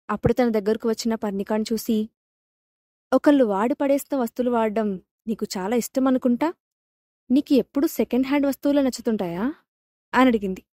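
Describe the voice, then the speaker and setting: A woman's voice: a little high, darkish tone, no echo, studio quality. A woman narrating a serialized audio story, reading every character's lines in her own voice.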